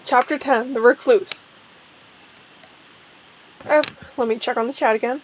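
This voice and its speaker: A woman's voice: a little high, steady tone, a little slow, slight background noise, rough recording. A woman streamer doing a mock-dramatic reading, breaking off for wry, joking asides to her chat.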